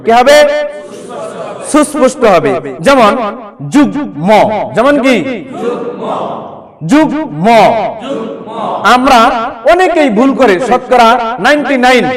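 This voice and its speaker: A male teacher giving a classroom lesson, asking the class questions and answering them himself while repeating words. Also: very high voice.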